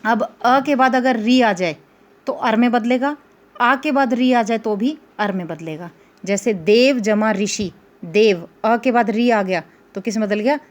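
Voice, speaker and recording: A woman teacher giving a grammar lesson, repeating rules, stretching out examples and asking the class whether they follow. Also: a little high. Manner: explains slowly and repeats rules, asks pupils checking questions.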